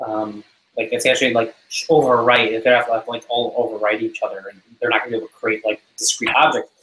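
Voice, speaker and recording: Man, mid voice, roomy call sound, probing developer thinking out loud in a meeting. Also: medium pitch, little pitch movement, quick pace, a little hiss or hum. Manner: questioning, thinks aloud with many restarts. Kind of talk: technical discussion in a meeting. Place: online contributors meeting.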